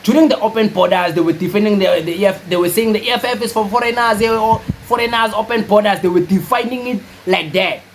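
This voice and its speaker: A man's voice: high voice, quick pace, few pauses, slight background noise, low-quality recording. A young South African man giving casual, emphatic political commentary, repeating his points and slipping Zulu phrases into his speech. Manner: animated, repetitive and emphatic, mixes in Zulu phrases.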